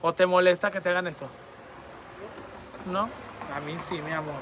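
A man's voice: sits high, steady tone, moderate pace, noisy background. A man, reading viewer comments aloud in a campy, crude and teasing comedic chat. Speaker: online entertainer reading fan messages.

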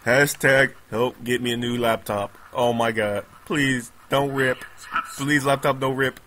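A man casually commenting on his own game as he plays, excitable and prone to repeating himself. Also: medium pitch, measured pace, slight background noise, rough recording. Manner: excitable, repeats pleading words, laughs often. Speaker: gamer recording gameplay commentary. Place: at home on a laptop.

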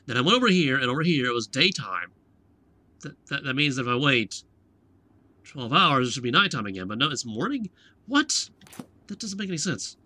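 A man's voice: medium pitch, expressive, brisk, bright, forceful tone. A man with a playful, sarcastic manner, joking through gameplay commentary as a let's play host.

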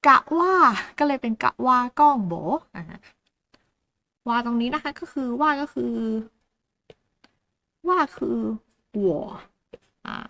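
High-voiced woman teaching a language lesson. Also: pushed and bright. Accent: Southern Thai, Phuket. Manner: patient, repeats words slowly for learners. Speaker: language teacher and channel host.

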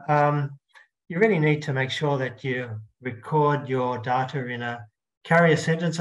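A man giving a keynote academic lecture as a linguist, explaining his slides step by step and rising in pitch on the points he stresses. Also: poor audio. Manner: explanatory, with emphatic rises in pitch.

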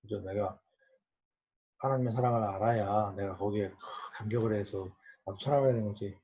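A man's voice: on the low side, fairly even intonation, a little fast. A man in his forties leading a casual Bible study discussion, asking the group questions and acting out quoted parents and children. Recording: dull lo-fi recording.

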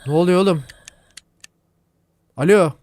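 A man's voice: high-pitched, a little slow, background noise. Jumpy young Turkish man playing horror. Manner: jumpy and chatty, swearing and yelling at scares. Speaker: gaming channel host. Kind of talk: horror game commentary.

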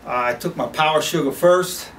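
A man in his seventies talking to camera in a small home gym, rambling and halting with many pauses and fillers. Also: a little high, fairly bright tone, far from the mic, slight background noise. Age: 70s. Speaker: fitness vlogger promoting his product. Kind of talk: casual talk to camera.

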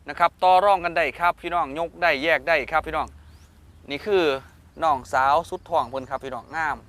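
A man with a northeastern Thai Isan accent doing a hyped live-seller pitch to viewers, often prompting them for agreement, recorded outdoors over noise. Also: fairly quick, fairly bright tone. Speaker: host of cattle-sale videos.

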